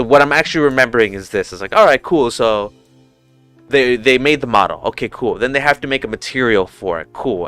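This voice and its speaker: Casual male streamer from Puerto Rico, 30s, clear, smooth tone, faint music underneath, headset mic. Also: medium pitch, a bit bright. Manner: rambling, informal, many fillers and restarts. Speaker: livestream host. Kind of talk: casual livestream chat.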